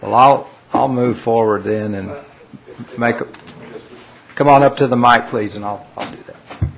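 A man's voice: medium pitch, measured pace, a little hiss or hum. A man chairing a public commission meeting, pressing others for direct answers.

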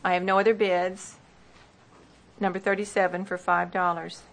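A woman's voice: on the low side, flat delivery, moderate pace, gravelly. A woman auctioneer formally reading out parcel numbers and bids at a tax sale in a plain, procedural way.

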